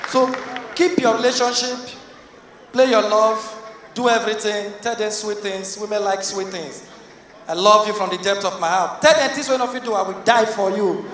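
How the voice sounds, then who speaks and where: A man with a Nigerian Pidgin accent doing live stand-up comedy, loud and excitable, shouting punchlines at the crowd. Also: high voice, moderate pace, reverberant, big-room sound, distant mic, background noise. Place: large event hall with live audience.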